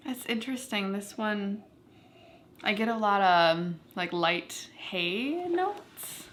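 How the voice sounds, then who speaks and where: A woman's voice: mid-range voice, animated, takes it slowly, a bit bright. Woman, mid-range voice, playful whiskey-tasting co-host, talkative. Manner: chatty, playful, describes aromas. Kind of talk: casual tasting chat.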